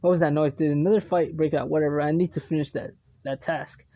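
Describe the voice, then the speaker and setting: A man's voice: on the high side, steady tone, quick pace, warm tone, no room sound, lightly acted. A man reading as a rude, impatient thug. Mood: annoyed. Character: rude, impatient male thug guarding a door. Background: game music.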